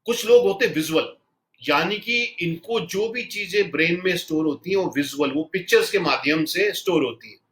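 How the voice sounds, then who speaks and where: A man gives a spoken tutorial at a quick, loud, animated clip, mixing English words into his talk. His voice sits a little high, bright and forceful. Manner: fast, loud and animated, says so himself; mixes English words into Hindi. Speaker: NLP trainer.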